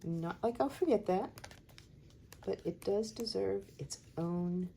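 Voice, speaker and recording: A woman chatting casually and thinking aloud in an unhurried, musing way as she hosts a planning session. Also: mid-range voice, creaky, warm tone, a little hiss or hum. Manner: unhurried, musing, talks to herself while working. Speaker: host of a planner decorating video.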